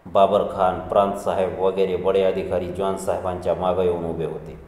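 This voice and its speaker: A man narrates a novel in a steady, measured storytelling voice. His tone is low and mellow. The recording sounds roomy, with a long reverb tail. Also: slight background noise. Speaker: audiobook narrator. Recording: echoey room with long reverb.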